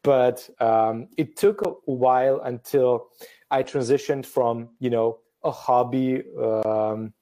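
This guest, a photographer from Romania in his thirties, talks slowly in a dark, medium-pitched voice with fairly even intonation. It's a relaxed live-stream chat, and he's hesitant, self-deprecating, and joking throughout.

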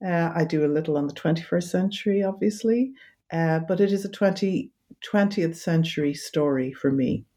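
Academic woman from Ireland, lowish mellow voice, measured and hesitant, interview guest. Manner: thoughtful, hesitant with fillers. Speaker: author and design history academic. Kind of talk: interview answers.

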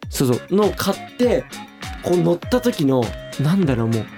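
A man's voice: a little high, sing-song, a little fast, darkish tone, soft background music. A young man co-hosting a casual radio chat, rambling and laughing as he tells stories and reads listener letters in a studio. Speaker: radio show co-host reading listener letters.

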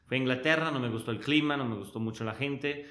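Looking back on his life, a guest in a conversational interview tells his stories thoughtfully, frequently stopping to find his words. He is from Switzerland, in his early 30s, with Italian as his first language, and his ordinary mid-pitched voice sounds a bit bright.

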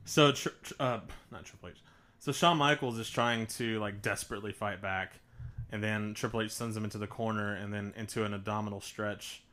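A man's voice: on the low side, fairly even intonation, a little fast, bright, forceful tone. A man co-hosting a podcast, recapping a wrestling match move by move in a laid-back way. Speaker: podcast co-host.

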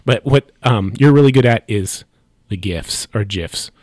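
A man's voice: mid-range voice, moderate pace, a little mellow, no echo, studio quality. A man hosting a podcast interview, asking questions hesitantly with many restarts. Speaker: podcast host. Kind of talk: casual interview.

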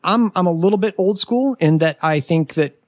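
A man in his forties on a podcast, telling a family story in a casual, animated way and acting out what others said. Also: high voice, normal speed, no room sound, clean studio sound. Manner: animated, acts out family quotes. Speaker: podcast guest.

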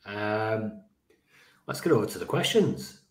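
A fantasy football podcast co-host talks in a fairly low, animated voice at an unhurried pace. He's casual and joking, swears freely, and laughs easily, with the room's echo clearly audible.

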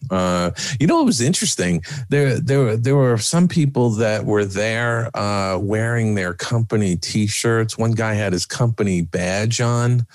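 Rambling low-voiced podcast man. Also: measured pace, hardly any pauses, dry recording. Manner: rambling, chatty. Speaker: podcast co-host. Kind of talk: casual chat.

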